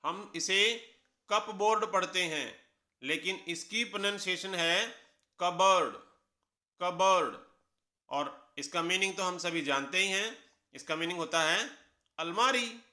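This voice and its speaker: A man teaching pronunciation in a deliberate classroom manner. He spells each word letter by letter and then says the correct form twice. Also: sits high, bright, forceful tone. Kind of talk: slow, deliberate classroom explanation.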